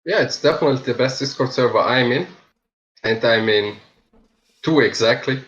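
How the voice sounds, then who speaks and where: A man in his twenties chatting as a podcast guest, loud and upbeat. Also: mid-range voice, normal speed. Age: 20s. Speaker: podcast guest, server moderator. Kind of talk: casual chat. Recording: dull lo-fi call audio.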